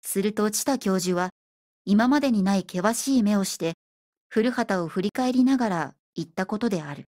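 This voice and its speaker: A woman's voice: mid-range voice, lively intonation, moderate pace, a little mellow, dry recording, clean studio sound. Woman reading a story aloud. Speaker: narrator. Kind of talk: audiobook reading of science fiction.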